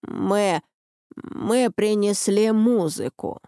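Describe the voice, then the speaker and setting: A woman voicing a sly talking male cat in an audiobook, coaxing and hushed. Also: medium pitch, very slow, clean tone, no room sound, studio quality. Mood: flustered. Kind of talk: audiobook reading.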